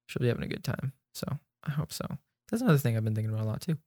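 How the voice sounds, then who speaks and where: A man's voice: mid-range voice, big pitch swings, very fast, warm tone, no room sound, clean studio sound. A man hosting a podcast, chatting casually and rambling with lots of fillers and jokes. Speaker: podcast host. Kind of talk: casual chat.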